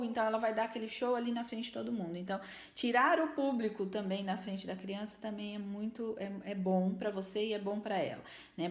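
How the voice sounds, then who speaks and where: A woman's voice: mid-range voice, roomy sound. A woman gives earnest, explanatory parenting advice to camera, often checking in with little tag questions. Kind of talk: casual advice talk to camera.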